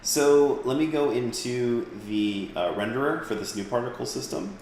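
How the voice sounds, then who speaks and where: A man's voice: mid-range voice, normal speed, very echoey, slight background noise, rough recording. A man teaching a live class on a video call, explaining steps loosely with fillers and restarts. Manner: relaxed, rambling, with fillers and restarts. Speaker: instructor. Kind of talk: live class software tutorial.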